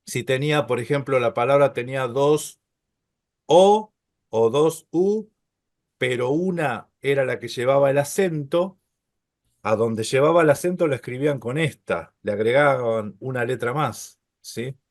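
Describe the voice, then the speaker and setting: A middle-aged man teaching a live online Hebrew lesson, explaining letters slowly and patiently and often checking with "¿sí?". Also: mid-range voice, dry recording, clean studio sound.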